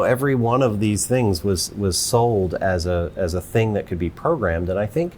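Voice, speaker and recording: A man in his forties with a very low voice talks through his ideas as an interview guest. He explains at length, often restarting his sentences, and a faint rumbling noise sits underneath. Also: darkish tone. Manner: thoughtful, explanatory, with frequent restarts. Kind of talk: conversational interview.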